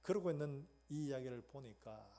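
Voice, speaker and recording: A man's voice: mid-range voice, lively intonation, a little fast, dark tone. A middle-aged male pastor preaching a sermon, telling a story in a chatty way and acting out the voices of the people in it. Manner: conversational storytelling, acts out quoted voices.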